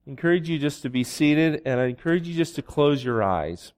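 A man preaching as a pastor, reading scripture and speaking to a congregation in a deliberate, pausing way. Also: a little high, animated, a little mellow. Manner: slow, deliberate, with long pauses.

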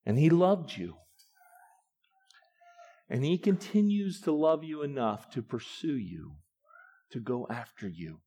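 A pastor preaching a sermon to his church, swinging from quiet, low passages to loud, rising ones. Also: sing-song, slow pace, pauses often.

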